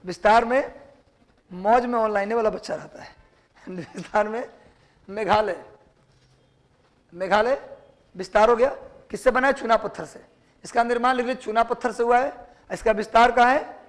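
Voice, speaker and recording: A man teaching a lecture class with a Bihari Hindi accent, firing questions at students and repeating the answers slowly for dictation. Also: very high voice, fairly even intonation.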